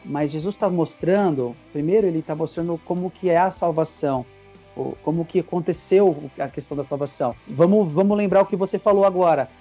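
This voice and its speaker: A man's voice: on the high side, fairly quick, mellow, slightly rough, soft background music. A Brazilian man co-hosting a church podcast, retelling Bible scenes vividly in casual conversation. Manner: vivid storytelling, says "imagina a cena". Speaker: Bible study podcast co-host. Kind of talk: casual Bible teaching chat. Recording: dull lo-fi sound.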